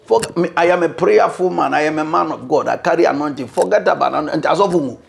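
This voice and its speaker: A middle-aged Ghanaian man, a bishop, talking as an interview guest in a room, mixing English and Twi, animated and preacherly. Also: a little high, fast, creaky, a little hiss or hum. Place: indoor living room, seated on sofa.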